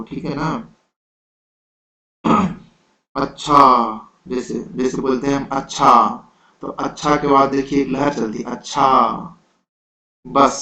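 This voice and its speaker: A man teaching an exam-prep lecture, explaining slowly and patiently, checking in with his students again and again. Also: medium pitch. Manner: slow, repetitive explaining with frequent "theek hai". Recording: roomy, dull lo-fi sound.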